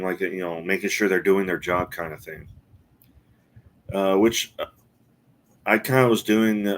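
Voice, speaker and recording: A man in his forties talks casually to a live-stream audience in a lowish voice. He rambles and stops often, filling gaps with "uh" and "um" and restarting his sentences as he thinks out loud. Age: 40s. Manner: rambling, halting with many fillers and restarts. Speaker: streamer host.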